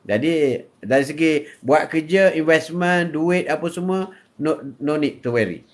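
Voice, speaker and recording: Reading viewer comments aloud on his laid-back live stream, this older Malaysian Malay-accented host jokes around, laughs a lot and slips in English phrases. His voice is a little high and his pace measured.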